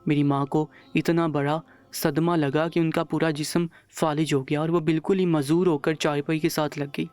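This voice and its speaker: A man's voice: a little high, level tone, darkish tone, clear, resonant tone, no room sound. Man narrating a sorrowful story. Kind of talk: scripted narration of an emotional first-person story.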